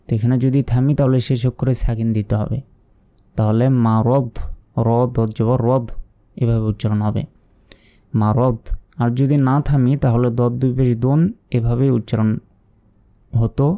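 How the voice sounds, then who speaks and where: A man teaching Quran reading step by step, patiently spelling out letters and chanting verses slowly. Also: medium pitch, steady tone, warm tone. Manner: slow, drawn-out chanting of verses between plain explanations; patient, methodical spelling out of letters and vowel marks. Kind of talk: step-by-step recitation lesson.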